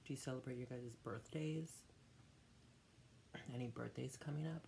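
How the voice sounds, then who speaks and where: A young adult with a gravelly voice, chatting casually between mouthfuls of crunchy chips in a home eating video. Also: medium pitch, mellow, a little hiss or hum. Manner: eating crunchy chips while talking, with pauses to chew. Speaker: vlogger hosting an eating video. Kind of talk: casual eat-with-me mukbang chat. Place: small dim room at home.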